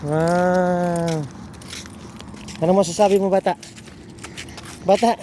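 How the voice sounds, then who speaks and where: A woman's voice: on the low side, animated, measured pace, darkish tone. A woman filming a toddler outdoors on a phone, coaxing him along in sing-song baby talk mixed with English. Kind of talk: casual family vlog. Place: outdoor park on a hill. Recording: outdoor noise behind.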